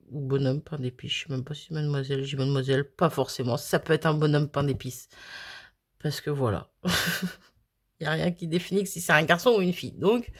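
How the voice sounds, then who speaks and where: A chatty woman from France who vlogs about crafting, casually showing swapped cards and laughing at her own slips. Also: deep voice. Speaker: crafting vlogger.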